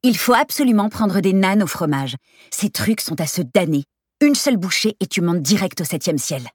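A woman's voice: lowish voice, animated, normal speed, slightly rough, dry recording, clean studio sound, voice pushed up. A woman voicing a brash, teasing young woman friend with a bold, crude, exclamatory way of talking in a storybook reading.

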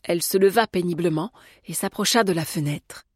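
A woman reading an audiobook as narrator, in a calm, measured way. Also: on the low side, husky, no echo, clean studio sound. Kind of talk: scripted narration.

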